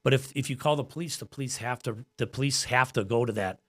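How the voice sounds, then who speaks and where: Here the forties-aged American podcast guest, who owns a gym and coaches, speaks quickly in a mid-range, somewhat bright voice. His casual chat is earnest and emphatic, and he tends to repeat his phrases.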